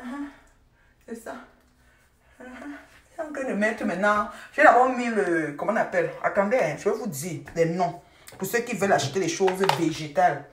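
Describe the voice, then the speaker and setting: A woman's voice: mid-range voice, distant mic. An older woman hosting a casual live stream from home, chatting affectionately with viewers, repeating pet names and laughing often. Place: at home, indoors. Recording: roomy, voice off the mic.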